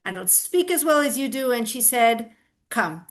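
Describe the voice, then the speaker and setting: A slightly high, expressive female voice at normal speed: an older grandmother and activist, not a native Hebrew speaker, guesting in an interview. She explains her answers earnestly, with many fillers and false starts.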